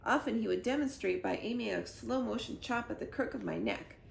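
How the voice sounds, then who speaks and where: Reading aloud like a library storyteller, a woman brings a children's story to life expressively, her voice a little high and her pace fairly quick. The recording carries a roomy echo along with distinct background noise.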